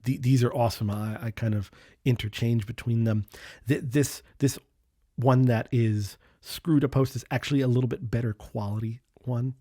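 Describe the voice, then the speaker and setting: A man's voice: mid-range voice, steady tone, moderate pace, dark tone, studio quality. Guy doing a casual pen review at his desk, keeps repeating himself, super eager, mid voice, no room echo. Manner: enthusiastic, repeats words and restarts often. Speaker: channel host reviewing pens.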